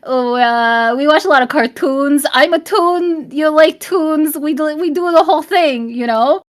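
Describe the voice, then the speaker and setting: Young woman streamer ranting at chat, cusses constantly, kinda high voice, gets loud, keeps saying sorry. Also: unhurried. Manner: profane, blunt, swears constantly; rambling and self-correcting, apologizes often. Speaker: livestreamer. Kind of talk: heated live-stream rant to chat.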